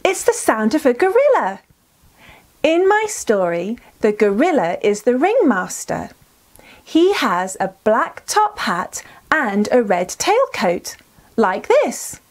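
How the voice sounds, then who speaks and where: In her thirties or forties, a woman presents scripted storytelling for children, enunciating carefully and encouraging her listeners. Her voice is fairly high, sing-song, and slow.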